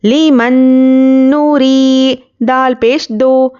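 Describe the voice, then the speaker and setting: Recitation teacher, female, high clear smooth voice, very slow drawn-out syllable drills, slightly muffled recording. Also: steady tone, a little mellow, faint music behind. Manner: spells out letters and vowel marks, then blends them slowly; explains quickly in a conversational teaching tone.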